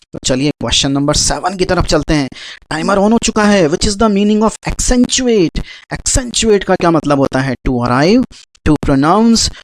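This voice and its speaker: A man runs a vocabulary quiz. He talks in an animated way and counts down timers aloud. His voice is recorded dry and close, with no room sound. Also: fairly high pitch, no echo, poor audio. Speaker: English quiz teacher. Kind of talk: Hindi-language vocabulary quiz.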